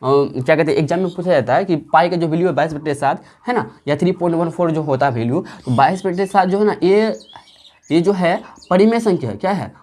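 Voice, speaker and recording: A woman's voice: fairly low pitch, a little mellow. A woman teaching a maths lesson online. She explains patiently, repeats herself often, and asks and answers her own check-in questions. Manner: patient, drawn-out explaining pace with frequent fillers. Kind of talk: online classroom lecture.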